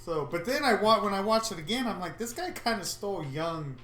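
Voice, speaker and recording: Lively agreeable man, roomy sound. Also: high voice, faint music behind. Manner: agreeable, quick interjections, lively. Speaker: podcast co-host. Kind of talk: casual movie review chat.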